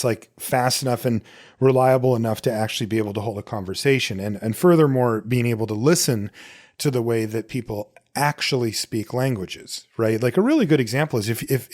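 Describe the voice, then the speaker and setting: Fairly quick and darkish in tone, this mid-range male voice belongs to a middle-aged American podcast host. He answers listener questions solo, speaking casually and drawing on personal stories.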